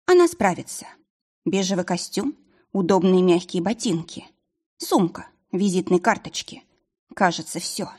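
A woman reading a fantasy audiobook in a measured, expressive storytelling manner. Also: on the low side, slightly rough. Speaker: audiobook narrator. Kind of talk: scripted audiobook narration.

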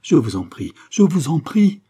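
A man's voice: lowish voice, steady tone, moderate pace, mellow, slightly rough. A man reading a novel aloud, voicing a desperate middle-aged mother who pleads for her son and husband in an anguished voice. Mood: anguished pleading. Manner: pleading, anguished, rising to cries. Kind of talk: audiobook character reading.

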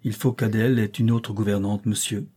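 A frail young governess answers in a quiet, restrained way, as a male reader voices her. The tone is dark and warm, with a husky breath to it. She keeps her words short and careful. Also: lowish voice, level tone, fairly quick. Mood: subdued. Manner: subdued, restrained.

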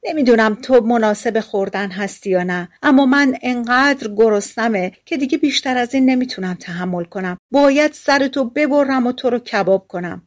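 A woman's voice: on the high side, few pauses, voice pushed up, lightly acted. A hungry, good-natured tailor mutters his thoughts aloud, in a woman's reading. The voice stays close to plain speech, simple and kindly, in a storybook. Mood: musing. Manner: plain-spoken, muttering to himself.

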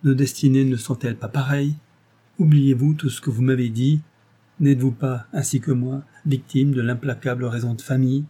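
A man voicing a resigned young noblewoman who speaks in soft, sad lament, in an audiobook reading. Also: medium pitch, steady tone, moderate pace, breathy edge, lightly acted. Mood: plaintive. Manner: sad, plaintive.

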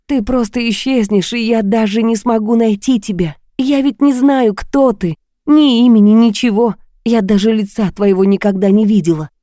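A woman's voice: fairly high pitch, measured pace, mellow, no room sound, clean studio sound, voice pushed up, natural voice. A woman voicing a desperate young woman on the edge of hysteria, pleading and tearful. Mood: hysterical.

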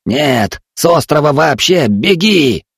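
A man doing a hoarse, frightened old elder. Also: fairly high pitch, lively intonation, slow, no echo, clean studio sound, pitched above the performer's own voice, full character voice. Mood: urgent. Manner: urgent commanding shouts.

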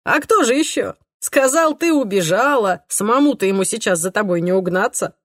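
A woman's voice: mid-range voice, expressive, moderate pace, a bit bright, no room sound, clean studio sound, natural voice. A woman voicing a cheerful, teasing young man with a slightly childlike voice in an audiobook. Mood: wry. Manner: light, joking, a little youthful.

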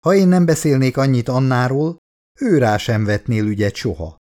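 A man's voice: medium pitch, expressive, a little mellow, lightly acted. Man voicing a fretful affectionate middle-aged wife. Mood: fretful chatter. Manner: chatty, anxious, coaxing.

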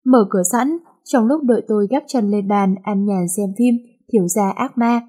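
A woman narrating a first-person romance novel with lively, chatty delivery. Her voice is mellow and warm with a breathy, husky edge. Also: mid-range voice, normal speed. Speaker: storyteller.

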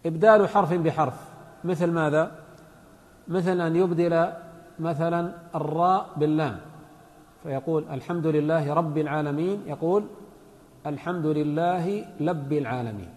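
A man's voice: on the high side, fairly even intonation, normal speed, darkish tone. A man, a sheikh, giving a religious lecture on Islamic law, patiently explaining points and reciting examples. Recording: long hall reverb.

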